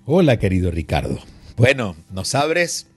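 A man hosting a call-in advice show who talks in a calm, reflective and gently reassuring way. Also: lowish voice, a little slow, faint music behind. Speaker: radio show host.

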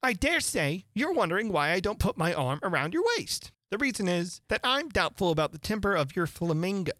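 A reader voicing a fussy old duchess who moralizes about everything, in a high sing-song way. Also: very animated, brisk, a bit bright, no room sound, clean studio sound. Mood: preachy. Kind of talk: audiobook character voice.

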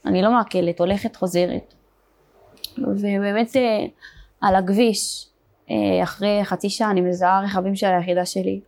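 A young woman from Israel, a border police fighter, telling her story in an interview, halting, with many fillers and restarts. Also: medium pitch, steady tone, darkish tone. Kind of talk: personal testimony in an interview.

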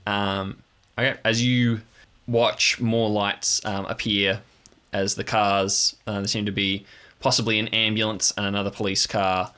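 A man improvising narration as a tabletop game master, halting as he searches for words. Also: lowish voice, level tone, bright, forceful tone, smooth.

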